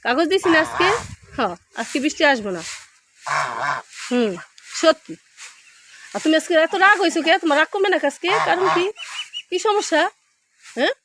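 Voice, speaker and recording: A woman gently and repeatedly asking her hen what is wrong, outdoors in a farmyard. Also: high voice, noisy background. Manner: gentle, repetitive questioning. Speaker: poultry keeper. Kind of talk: coaxing talk to a hen. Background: clucking chickens.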